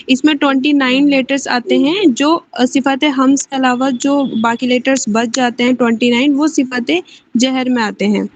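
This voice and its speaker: A woman student summarizing a lesson over a video call. She hesitates often and fills pauses as she explains. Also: high-pitched, fairly even intonation, no room sound. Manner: hesitant, many fillers. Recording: dull lo-fi call audio.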